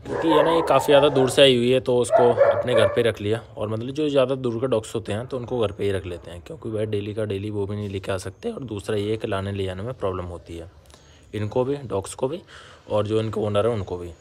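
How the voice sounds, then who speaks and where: Man, lowish voice, casual vlog chat, calls out to dogs, outdoor yard, faint background noise. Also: fast, a little mellow. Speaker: dog shelter caretaker. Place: outdoor yard at a home under construction.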